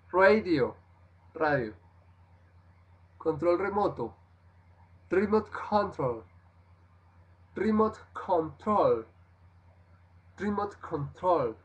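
A man teaching English vocabulary on a livestream, slowly repeating each word and giving its translation. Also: sits high, low-quality recording. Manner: slow, repeats each word, switches between languages.

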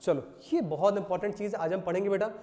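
A male physics teacher lectures a class, asking rhetorical questions and then answering them himself. His voice is mellow and dark. It rings with a long reverb, as if in a large hall. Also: high-pitched, quick pace. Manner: asks rhetorical questions and repeats answers, calls students "beta".

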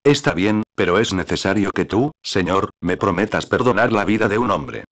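A man's voice: low voice, expressive, moderate pace, fairly bright tone, exaggerated voice. A man reading the part of a young orphan girl in an audiobook, speaking in an earnest, pleading way.

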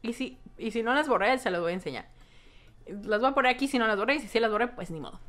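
A woman's voice: on the high side, lively intonation, quick pace, fairly bright tone. A young adult woman with a Mexican accent, telling a storytime to her vlog audience in a casual, gossipy way, full of slang and the odd swear. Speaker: vlogger.

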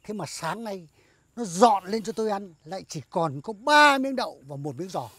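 An actor playing a stingy, bad-tempered old village master who scolds and repeats himself in a slapstick comedy film. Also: male voice, sits high, animated, normal speed, pushed and bright, dry recording, exaggerated voice. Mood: aggrieved.

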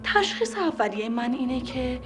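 A woman's voice: high voice, sing-song, over music. An actress playing a bookish woman psychologist who talks in clinical, lecturing terms, in a comedy series. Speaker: psychologist wife.

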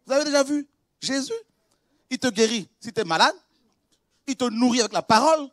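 A very high-pitched male pastor preaching with passion. He drops to a quiet, chatty confiding tone, then bursts into shouts and repeats his words. The sound is dry and close, with no room echo. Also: expressive, brisk. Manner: impassioned, swings from quiet confiding to shouted exclamations; conversational, with laughs and repetitions. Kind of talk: preaching a sermon.

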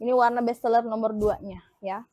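A young woman hosting an online shop live stream, pitching a product in upbeat, repetitive patter full of pet names for her viewers. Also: steady tone, a little fast, warm tone, dry recording.

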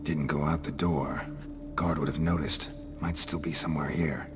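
A gruff, stoic monster hunter from a fantasy video game, speaking in clipped, flat sentences. The voice sits extremely low and rumbles. Game music plays behind him. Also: male voice, normal speed. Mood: terse. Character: gruff middle-aged male monster hunter, terse and stoic.

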